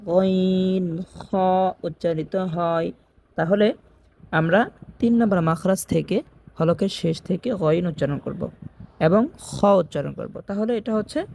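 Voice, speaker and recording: A man teaching Quran reading, slowly repeating each Arabic letter sound and explaining where in the mouth it is made. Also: high voice, gravelly, a little mellow, slight background noise. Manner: chants the Arabic opening phrases in a drawn-out sing-song.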